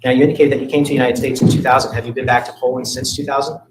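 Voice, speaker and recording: A man working as an attorney, questioning a witness in a courtroom in a brisk, methodical way. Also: mid-range voice, flat delivery, far from the mic, heavy background noise. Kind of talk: courtroom examination. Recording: roomy courtroom audio from afar.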